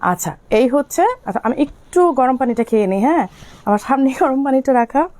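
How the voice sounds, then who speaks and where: A young woman from Bangladesh, slightly hoarse and coughing from illness, chatting with viewers as she sells on a live stream and answers their comments. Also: high-pitched, animated, mellow, dry recording. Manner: speaks slowly to spare her voice. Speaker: online shop owner selling on a live stream. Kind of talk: live-stream sales talk.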